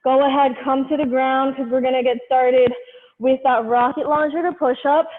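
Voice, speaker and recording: A woman with a high-pitched voice instructs a live exercise class, giving direct, step-by-step cues. She speaks into a headphone mic, and the sound is lo-fi and muffled with a long reverb tail. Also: fairly even intonation, moderate pace. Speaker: fitness instructor leading a live workout class. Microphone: headphone microphone.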